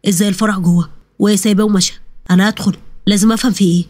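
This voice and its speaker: A young Egyptian man, lowered and quick, curious and a little smitten, as a woman narrator plays him. His talk is puzzled and chatty. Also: fairly even intonation, a little mellow, close to an everyday voice. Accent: Egyptian Arabic.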